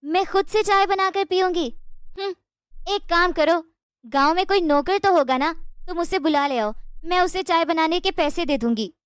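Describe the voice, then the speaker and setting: A woman voicing a spoiled, rude young daughter-in-law in a cartoon story, talking in a shrill, demanding way. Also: normal speed, a bit bright, dry recording, clean studio sound. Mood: bossy.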